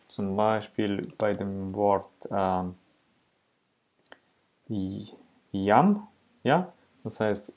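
Slow, patient man explaining grammar. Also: on the low side, mellow. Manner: slow, patient, with frequent "ja?" checks and fillers. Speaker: Latin teacher. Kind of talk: explanatory lesson.

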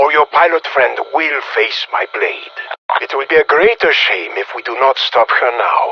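A man voicing a stern, menacing Soviet colonel in a video game, with a Russian accent, a gruff voice and a commanding, threatening manner over a radio filter. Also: medium pitch, lo-fi sound, a little hiss or hum. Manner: authoritative, threatening, clipped orders.

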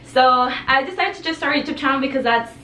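A bubbly teen vlogger, gesturing a lot, chats casually to camera indoors in her bedroom with a tapestry backdrop. She's from El Paso, Texas, grew up in Juarez, Mexico, and her first language is Spanish. She talks at a quick pace in a high-pitched voice that sounds pushed and bright, over slight background noise in an echoey room with a somewhat distant mic.

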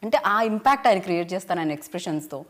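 A young adult woman with a South Indian accent conducts a casual interview in an indoor press studio, switching between languages as she goes. Her voice is on the low side and animated, and she talks very fast.

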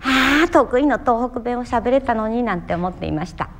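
A Japanese actress from Miyagi performing a one-woman stage monologue, telling her story theatrically with sudden leaps in pitch. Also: animated, normal speed, a bit bright, a little hiss or hum.

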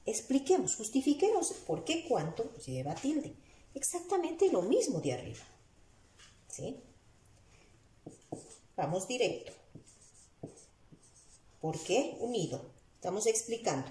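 A woman teacher with an Ecuadorian Spanish accent explains grammar at an unhurried pace, her voice rising and falling a lot. Her tone is mellow and warm. The sound is roomy, recorded in a classroom with a board. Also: on the high side, sing-song. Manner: slow, explains step by step, asks rhetorical questions. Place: room with a whiteboard. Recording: echoey room.

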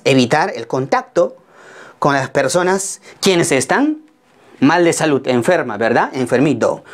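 A woman from Peru with a Peruvian Spanish accent, teaching an English lesson, repeating each phrase slowly and translating it, with frequent encouragement. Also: low-pitched. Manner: encouraging, praises students often. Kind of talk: bilingual classroom lesson.

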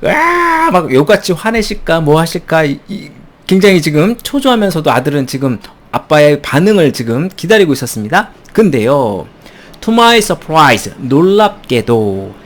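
A man gives a recorded English lesson, his voice sitting a little high and swinging widely in pitch as he jumps from explanation to exclamation. He chuckles often and drops English phrases into his teaching. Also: moderate pace. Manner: animated, playful, chuckles between points, mixes English phrases into explanations. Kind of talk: recorded textbook lecture.

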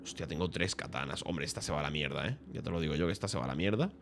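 A man's voice: extremely low pitch, rapid-fire, gravelly, a bit bright, slight background noise. A man, chatting casually and swearing while commentating a game late at night. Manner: chatty, swears freely, thinks aloud. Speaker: streamer.

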